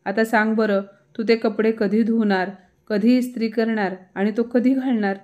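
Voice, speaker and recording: A proud older mother-in-law scolds in a raised, sharp voice, as a woman storyteller puts her on. She sounds a little higher and louder than the storyteller's own plain narration. It fits a spoken storybook tale. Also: steady tone, normal speed, highs cut off, natural voice. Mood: scolding.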